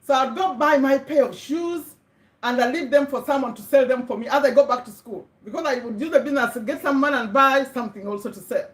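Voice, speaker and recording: Brisk and warm, with a pitch a little high for a woman, a middle-aged Ugandan livestream host talks directly into her webcam. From a bare, echoey room she gives a casual motivational stream, chatting, checking in with viewers and repeating words for emphasis.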